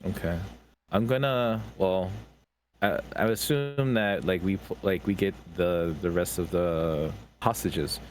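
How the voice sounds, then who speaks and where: A man's voice: deep voice, unhurried. A man playing his tabletop character, talking hesitantly with stammering restarts. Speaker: player. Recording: faint background noise on the mic.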